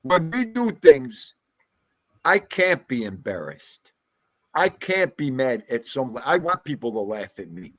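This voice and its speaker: A dry, close recording of a man with an average-pitched voice. He chats casually as a panelist, plain-spoken and emphatic, often restating a point to drive it home. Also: very animated, a little slow, no room sound. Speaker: livestream panelist. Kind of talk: casual chat.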